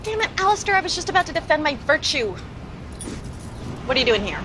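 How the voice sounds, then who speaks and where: An indignant, excitable woman in a sitcom. Her high voice swoops wildly. It is set against clear outdoor traffic noise. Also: fast. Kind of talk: sitcom acting.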